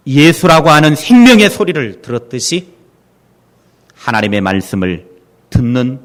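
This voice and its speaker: Animated preacher man with a lively voice. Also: medium pitch. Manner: animated, leads the congregation in repeating phrases. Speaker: pastor. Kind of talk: sermon.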